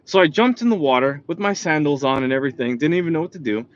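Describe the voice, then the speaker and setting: A man's voice: a little high, quick pace. A man from New York with a New York accent, giving a motivational talk full of personal stories and often asking "right?". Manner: animated, repeats "right?". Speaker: motivational speaker. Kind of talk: motivational storytelling. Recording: dull lo-fi sound.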